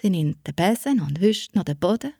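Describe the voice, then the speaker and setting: Swiss woman storyteller, animated fairy-tale telling, breathy tone, dry close sound. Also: lowish voice, normal speed, dry recording. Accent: Swiss German. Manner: lively, animated, addresses listeners.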